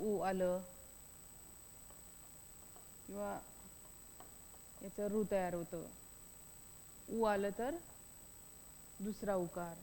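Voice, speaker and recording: A woman's voice: mid-range voice, mellow, big-room sound, slight background noise, low-quality recording. A woman teaching a grammar lesson, repeating each point and asking questions that she answers herself. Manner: repetitive, asks and answers own questions.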